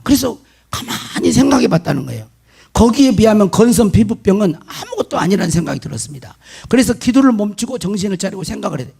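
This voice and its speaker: A man preaching a sermon as pastor, telling a story in an animated way and voicing the words of the people in it. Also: sits high, gravelly, husky. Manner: animated storytelling with emphatic retold quotes.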